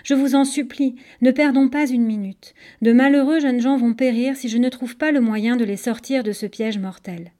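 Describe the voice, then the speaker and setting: A woman reading the part of a young princess in a storybook, earnest and imploring. Her voice is fairly high and mellow. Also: normal speed, hardly any pauses, lightly acted.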